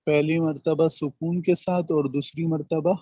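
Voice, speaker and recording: Man slowly drilling grammar terms. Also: on the high side, steady tone, warm tone, no echo. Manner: slow, repeats terms and drills examples. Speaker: Arabic grammar teacher. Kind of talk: online grammar lesson. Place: online video call. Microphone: computer mic on a video call. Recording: dull, dry video-call audio.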